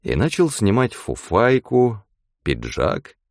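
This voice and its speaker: A man reading a story aloud in a wry, animated way. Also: fairly low pitch, slow pace, no echo, clean studio sound.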